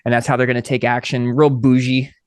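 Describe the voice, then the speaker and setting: Male podcast co-host, mid pitch, close and dry sound, relaxed conversational delivery. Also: a little fast, smooth, dry recording. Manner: conversational, reads book excerpts aloud. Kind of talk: casual astrology chat.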